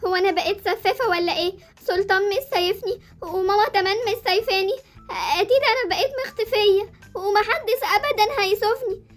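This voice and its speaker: A woman's voice: very high-pitched, quick pace. A woman voicing a cheeky young girl with an Egyptian Arabic accent, chatty and bossy. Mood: mischievous.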